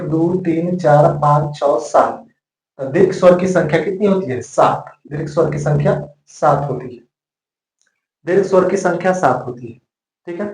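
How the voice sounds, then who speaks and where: A man teaches grammar in a bright, fairly high voice. He drills each point by saying it again and again. The sound is roomy and echoey. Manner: repetitive, drills points by repeating them. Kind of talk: classroom grammar lesson. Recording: echoey room.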